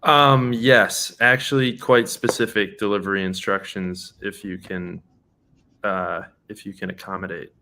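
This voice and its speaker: Low-voiced man making a prank call. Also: fairly even intonation, a little slow, pushed and bright. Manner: hesitant, overly polite, lots of um and restarts. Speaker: prank caller.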